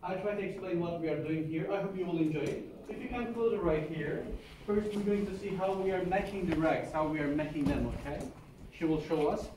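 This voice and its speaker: A tour guide with a Turkish accent and a high voice leads visitors through a carpet workshop, talking a little fast. He patiently walks them through each step, asking "okay?" along the way. The recording is noisy and echoey, captured from a distance.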